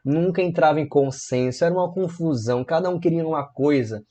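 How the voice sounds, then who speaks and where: A man's voice: a little high, fairly quick. A man from Brazil teaching a grammar video lesson, explaining playfully and asking his viewers questions as he goes. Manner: lively, playful storytelling with rhetorical questions. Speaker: English teacher.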